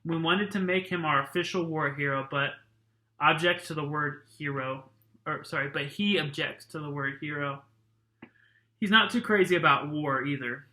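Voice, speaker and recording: A man, a teacher, reading a novel aloud to his students in a plain, steady, casual way. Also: fairly high pitch, moderate pace, reverberant, low-quality recording.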